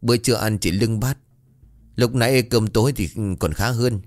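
A man's voice: mid-range voice, moderate pace, a little mellow, no echo, close to an everyday voice. A man voicing a caring, talkative older wife who frets over her husband. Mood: fretful.

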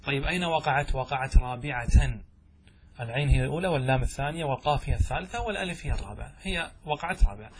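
A man's voice: mid-range voice, lively intonation, rapid-fire, a little hiss or hum. A middle-aged man teaching Arabic grammar in a classroom lecture. He explains step by step and keeps asking the class checking questions.

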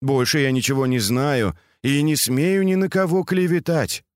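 A man's voice: medium pitch, normal speed, dry recording, clean studio sound, pitched above the performer's own voice, lightly acted. A man reading aloud, voicing an obsequious male servant who answers his mistress deferentially.

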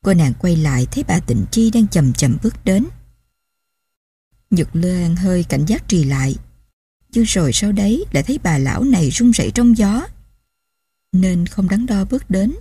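A woman narrating a novel as an audiobook, in steady, emotive storytelling on a close mic. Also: fairly low pitch, normal speed, long pauses, slightly rough. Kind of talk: scripted narration.

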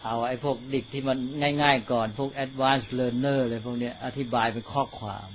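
Monk teacher, informal dharma talk, deliberate pacing, keeps checking in with listeners. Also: male voice, mid-range voice, flat delivery, dull audio, a little hiss or hum.

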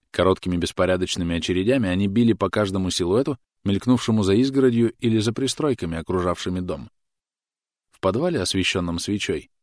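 Casting: male audiobook reader, low voice, dry close recording, measured delivery. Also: no room sound. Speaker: audiobook narrator. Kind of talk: scripted narration.

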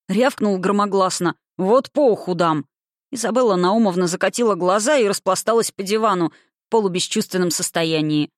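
Expressive audiobook reader, dry sound. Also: mid-range voice, no room sound. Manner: measured and expressive. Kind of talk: audiobook narration.

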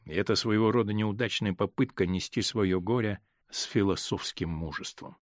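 A male reader voicing a hurt, stern middle-aged husband in an audiobook, speaking in a measured, grave way that holds back pain. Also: on the low side, no echo, clean studio sound, lightly acted. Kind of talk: audiobook character reading.

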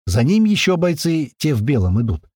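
A man tells an audiobook story in the first person with a relaxed, colloquial manner. His voice is husky and his intonation lively. It sounds close and dry. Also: fairly high pitch, normal speed, dry recording. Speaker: narrator. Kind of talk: audiobook narration.

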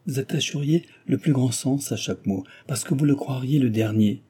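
A man's voice: mid-range voice, normal speed, mellow, husky, lightly acted. A man reading aloud and voicing a stern, dignified older noblewoman who argues earnestly and persuasively.

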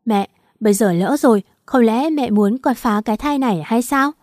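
A brazen, scheming young woman who taunts and laughs with scorn, put on by a woman reading the story. The voice sits a little high and sounds mellow and soft-edged, in a dry, close storybook recording. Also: normal speed, no echo, close to an everyday voice. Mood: pleading.

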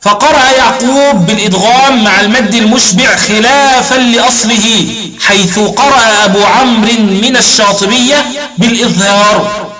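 Very high-voiced teacher lecturing. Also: male voice. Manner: keeps checking in with listeners, recites verses slowly. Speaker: Quran recitation teacher. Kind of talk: explanatory lecture.

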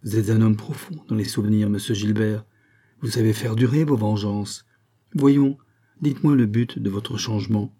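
Haughty queen, read by a man, imperious and reproachful, raised dark husky voice. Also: on the low side, fairly even intonation, normal speed. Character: proud haughty queen, woman, stern.

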